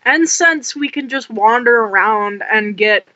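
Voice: mid-range voice, expressive, a little slow, sharp tone, no room sound, lo-fi sound. A co-player chatting casually during a game with blunt, short remarks. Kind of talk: casual gameplay chat.

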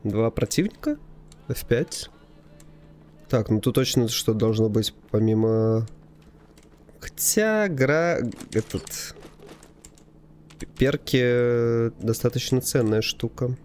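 A man's voice: medium pitch, expressive, takes it slowly, pauses often, a little mellow, faint music behind. A man giving casual gameplay commentary, talking to himself informally and reading item names aloud. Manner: informal, mild swearing. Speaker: gamer narrating own playthrough.

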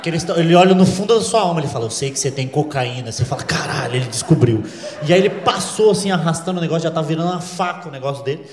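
A man's voice: a little high, very fast. A man in his thirties doing stand-up, telling a story, acting out voices and swearing. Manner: animated, acts out quoted voices, crude slang. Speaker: stand-up comedian. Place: comedy club stage. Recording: echoey live club with laughter.

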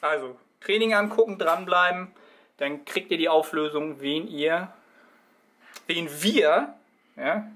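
A young man chatting excitedly in a casual fitness vlog from a small apartment room. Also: fairly high pitch. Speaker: fitness vlogger.

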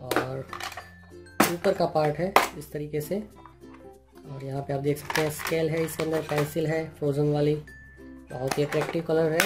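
Seated at a table indoors, this channel host unboxes and reviews products one by one in straightforward Hindi, constantly repeating the filler "jo hai." His slightly high voice holds a steady tone at normal speed, with frequent pauses, and music plays clearly under him.

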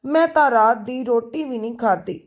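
A tearful, sharp-tongued young bride-to-be from a spoken storybook, as a woman narrator puts her on. The voice is pitched a little high, and she snaps back at her friend with quick teasing. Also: lightly acted. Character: young woman upset about her arranged match.

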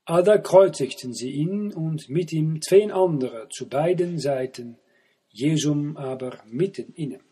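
A male pastor reading scripture aloud in a slow, solemn manner. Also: a little high, warm tone, breathy edge.

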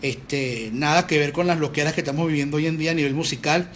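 A man's voice: fairly high pitch, steady tone, fast, a bit bright, a little hiss or hum. A middle-aged man, hosting a casual live stream in a rambling, chatty way. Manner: rambling, chatty, with restarts and fillers.

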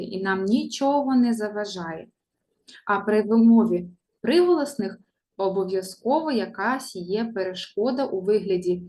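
A woman teacher giving a primary school reading lesson, talking slowly in a sing-song way to young children and modelling sounds for them to repeat. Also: medium pitch, darkish tone.

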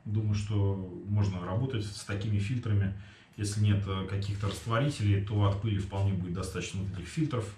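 A man's voice: lowish voice, steady tone, brisk, warm tone. Male reviewer, forties, casual and matter-of-fact, echoey kitchen sound with faint noise. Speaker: product reviewer. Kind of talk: casual explanatory product review. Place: small home kitchen, indoors. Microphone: camera across the table. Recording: roomy echo, distant mic, faint noise.

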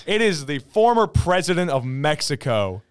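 A young man co-hosts a casual podcast, animated and jokey, slipping into mock voices. His slightly high voice jumps all over the place. The tone stays smooth and clear. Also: normal speed. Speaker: podcast co-host. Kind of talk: casual chat.

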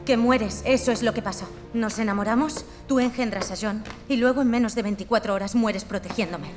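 A woman's voice: a little high, a little fast, big-room sound, faint music behind, natural voice. A woman playing a tough, blunt young fighter in a dubbed action film. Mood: grave.

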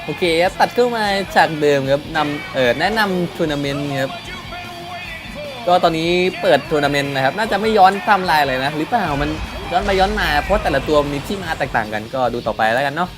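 A man's voice: on the high side, lively intonation, fast, over music. Joking young man doing game commentary. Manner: joking, crude banter, reads game dialogue aloud. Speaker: let's play host.

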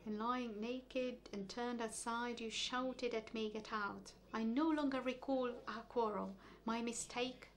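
Woman reading poetry, measured and high. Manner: measured, deliberate delivery with brief asides. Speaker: poetry reader. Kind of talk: reading translated poetry aloud.

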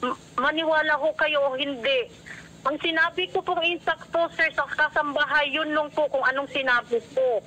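A woman's voice: sits high, moderate pace, sharp tone, a little hiss or hum. An older woman answering on a phone call, defensive and emphatic, repeatedly addressing the host. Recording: tinny phone line.

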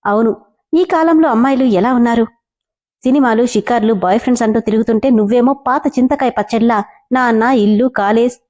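Cheeky young guy in love, teasing then sweet-talking, done by a woman narrator, mellow and kinda high. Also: fast talker, natural voice. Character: young man in love, teasing, boastful but doting.

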